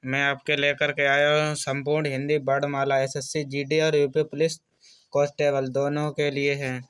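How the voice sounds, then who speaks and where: A man's voice: fairly high pitch, monotone, a bit bright, clean tone. A man teaching an exam-prep lesson, reading out terms one at a time in a list-like way. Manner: slow, list-like delivery of terms.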